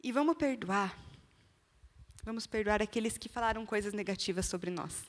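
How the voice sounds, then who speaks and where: A woman's voice: medium pitch, normal speed. Earnest Brazilian woman preaching in a reverberant hall. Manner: earnest, direct appeals to the listener. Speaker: speaker giving a testimony at church. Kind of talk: sermon-style testimony. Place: church hall. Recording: long reverb of a church hall.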